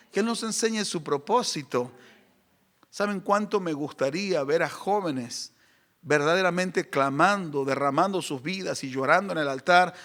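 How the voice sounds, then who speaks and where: A middle-aged man, preaching a sermon and acting out crying and shouting. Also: high voice. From Argentina. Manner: animated, acts out crying babies and shouts. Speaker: pastor.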